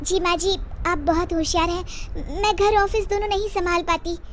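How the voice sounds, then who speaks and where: A woman's voice: extremely high pitch, fairly even intonation, moderate pace, very noisy, pitched above the performer's own voice. A woman voicing a meek, polite young daughter-in-law in a cartoon family story, speaking in a deferential, pleading way.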